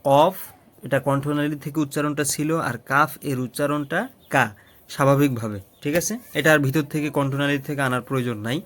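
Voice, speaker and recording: A man's voice: a little high, fairly even intonation, quick pace, a bit bright. A man teaching Arabic letters step by step, patiently repeating each syllable and often checking that the learner follows.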